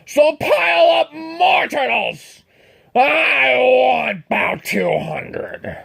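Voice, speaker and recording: A woman voicing a boastful, bossy male turtle king who shouts and gloats. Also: fairly high pitch, sing-song, a little slow, creaky, exaggerated voice. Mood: bellowing.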